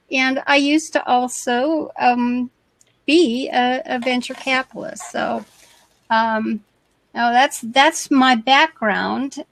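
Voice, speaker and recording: A crowdfunding consultant with a background in crowdfunding and venture capital chats casually on a video call, speaking hesitantly with many fillers. Her voice is fairly high, and the recording has no room sound.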